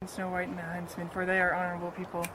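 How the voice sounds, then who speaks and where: A woman playing a grieving friend of a slain queen, a sly orator who speaks haltingly, in an amateur play. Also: fairly low pitch, monotone, noisy background, natural voice. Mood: coy. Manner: halting, hesitant speech-making.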